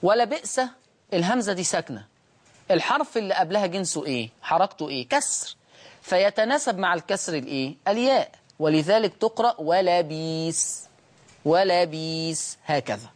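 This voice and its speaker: A man with an Egyptian accent teaching a Quran recitation lesson, who repeats each word slowly and asks and then answers his own questions. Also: high-pitched, sing-song. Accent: Egyptian Arabic.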